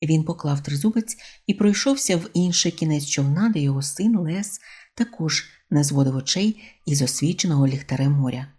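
A woman narrating a humorous novel as an audiobook, in a measured, wry storytelling manner. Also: low-pitched, animated, a little mellow, slightly rough.

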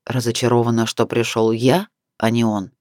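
Brief: fierce possessive werewolf man for an audiobook, dropped low and slow, as the narrator plays him, dry close sound. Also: level tone, darkish tone, no echo, lightly acted. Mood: menacing.

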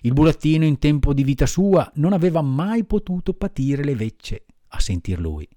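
A man reading a classic children's story aloud in a measured, expressive narration. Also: on the high side, no echo. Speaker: audiobook reader.

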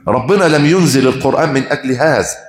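A man's voice: mid-range voice, quick pace. A man preaching a Friday sermon with an Egyptian accent, telling stories with passion and firing rhetorical questions at his listeners. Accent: Egyptian Arabic. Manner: impassioned storytelling, rhetorical questions. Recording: roomy echo.

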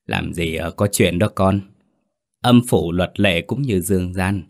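A man voicing a calm Buddhist exorcist master in a spoken ghost story, measured and admonishing. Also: deep voice, gravelly. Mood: solemn.

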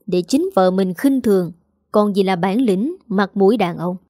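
A gruff, angry middle-aged father, lecturing his son, voiced by a woman reading a story. The tone is mellow and the recording is dry and close. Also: medium pitch, normal speed, dry recording, natural voice.

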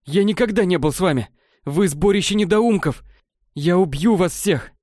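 A man voicing a frenzied long-haired male elf stalker who screams threats in a raised, loud voice. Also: on the high side, animated, moderate pace, no room sound, studio quality, voice pushed up, natural voice.

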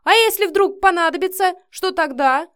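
A woman's voice: medium pitch, animated, unhurried, clean tone, natural voice. A woman reading the lines of a hungover, flustered young man who keeps exclaiming in protest. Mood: irritated.

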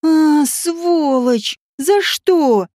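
A woman's voice: sits high, normal speed, dark tone, dry recording, studio quality, close to an everyday voice. A woman voicing a flustered heavyset man who stammers and whines. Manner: stammering, whining.

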